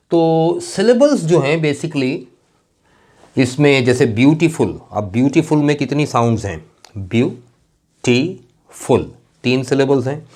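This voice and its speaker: A male teacher giving a classroom lecture in a patient, explaining manner. He spells out example words slowly and letter by letter, and keeps checking that his students follow. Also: medium pitch, darkish tone. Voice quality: slow, drawn-out emphasis on example words. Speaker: English teacher.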